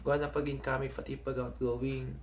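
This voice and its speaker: A young Filipino man vlogging to his subscribers in a casual, halting way, often stopping to restart and correct himself. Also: medium pitch, level tone, a little hiss or hum. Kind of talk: casual vlog talk to subscribers.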